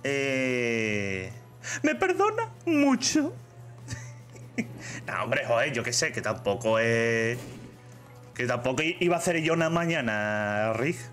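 A man's voice: mid-range voice, moderate pace, fairly bright tone, soft background music. A man with a Spanish accent chatting casually on a live stream, reading chat aloud and saying "tío" a lot.

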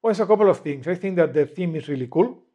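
A man's voice: sits high, animated, quick pace, warm tone. A man, a game publisher answering interview questions in a cozy indoor room, talking with many fillers and restarts. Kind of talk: casual interview.

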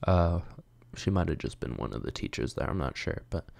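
A young man hosting his own channel, talking casually and hesitantly with many pauses and fillers. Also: low voice, expressive, gravelly, a little mellow, no room sound. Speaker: channel host. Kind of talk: casual solo talk.

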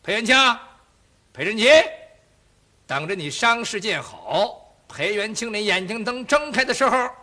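A man's voice: high voice, lively intonation, a little slow, bright, forceful tone, heavily acted. A man voicing a scheming, domineering villain marshal who mocks and barks orders in a traditional storytelling performance. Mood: mocking commanding. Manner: sarcastic, barking orders.

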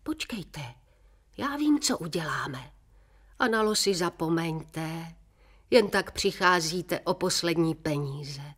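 A woman reading a children's story aloud, voicing a stern, kindly old woman who speaks briskly and firmly. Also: lowish voice, animated, a bit bright. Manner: brisk and firm.

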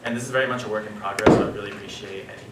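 A man's voice: lowish voice, steady tone, rapid-fire. A young man from New York, short of breath from altitude sickness, presenting an academic paper at a conference. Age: young adult. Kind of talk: reading a prepared academic paper. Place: wood-panelled conference room, indoors. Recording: echoey room, distant mic, background noise.

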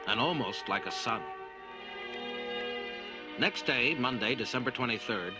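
A man's voice: mid-range voice, poor audio. A man reading scripted, dramatic documentary narration. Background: music.

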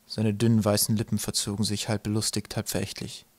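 A man reading an audiobook aloud in a measured storytelling manner. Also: lowish voice, monotone, no echo. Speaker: audiobook narrator. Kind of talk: scripted narration.

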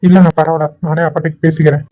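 For a Tweencraft cartoon, a performer gives a natural-sounding, medium-pitched, flat reading of a kind young man gripped by worry. He pleads anxiously and speaks fast in a concerned mood, while the recording lacks its high frequencies.

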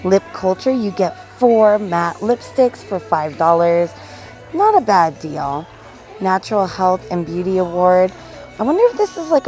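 A woman's voice: lowish voice, a little mellow. Chatty woman vlogging while shopping. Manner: chatty, upbeat, calls viewers guys. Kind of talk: casual shop-with-me narration. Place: large retail store indoors. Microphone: handheld phone camera.

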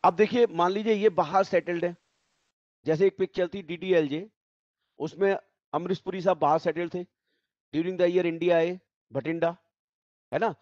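A man's voice: high-pitched, steady tone, moderate pace, pauses often, a little mellow, no room sound, highs cut off. A male teacher giving an online tax class, explaining step by step and repeating the key points. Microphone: video call.

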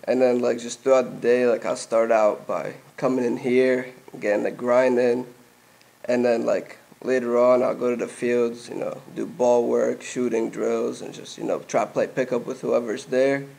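A young man from Egypt, a native Arabic speaker, talking casually as a guest in an indoor gym studio, with many fillers and pauses. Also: medium pitch, gravelly. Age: young adult. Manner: relaxed, hesitant, many fillers. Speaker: guest, soccer player. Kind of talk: casual interview.

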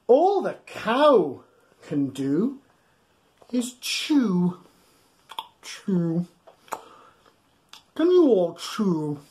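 With a high voice and a darkish tone, a man in his thirties reads a bedtime story to young children. He plays it up with exaggerated delivery and urges them to join in, all inside a small furnished room at home.

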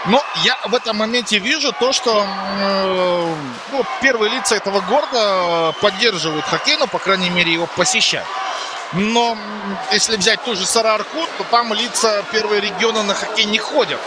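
High-voiced male hockey commentator. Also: normal speed, over a noisy crowd, heavy background noise. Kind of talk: live sports commentary.

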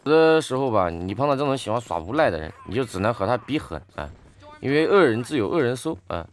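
A man's voice: medium pitch, big pitch swings, fast. A man gaming online and telling an angry story in a heated, indignant ranting manner. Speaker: game streamer. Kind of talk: ranting story over gameplay.

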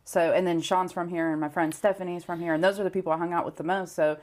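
Woman, 40s, light North Carolina accent, podcast co-host, casual chat, laughs easily, lowish voice. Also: fairly even intonation, quick pace, a little mellow. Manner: laughing, chatty, trails off.

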